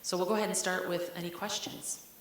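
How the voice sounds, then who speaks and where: Talking fast with a flat delivery in a lowish voice, an Ohio woman leading a school district addresses a public meeting in a frank, conversational way. The recording from the large meeting room carries heavy echo and hiss.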